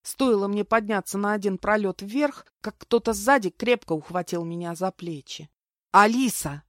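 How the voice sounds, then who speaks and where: Woman, first-person audiobook narration, lively storytelling, mid pitch, dry studio sound. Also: moderate pace, no echo.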